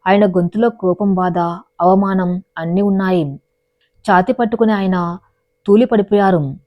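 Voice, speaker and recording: A woman's voice: medium pitch, measured pace, no echo. A woman narrating a dramatic love story as a storyteller, in a scripted reading style. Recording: dry, dull lo-fi voice recording.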